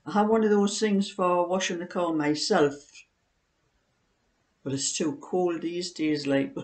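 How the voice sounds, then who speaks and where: A woman's voice: on the low side, steady tone, a little slow, a little mellow. A woman, chatting casually in a rambling, anecdotal way in her living room. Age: 60s. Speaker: knitting vlogger. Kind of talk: casual chat. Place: living room, seated on a sofa indoors.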